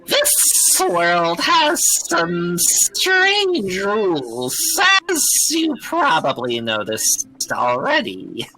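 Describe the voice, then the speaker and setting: A man voicing a gentle, theatrical snake woman who loves gardens, reading game dialogue aloud in a put-on snake voice. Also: sits high, heavily acted, low-quality recording.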